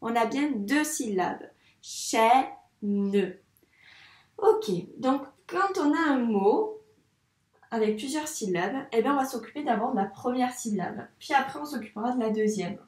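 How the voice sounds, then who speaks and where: A woman teaching young children handwriting, speaking slowly and encouragingly and addressing the child directly. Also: a little high, lively intonation, a little mellow. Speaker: primary school teacher. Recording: echoey room, voice a bit far from the mic.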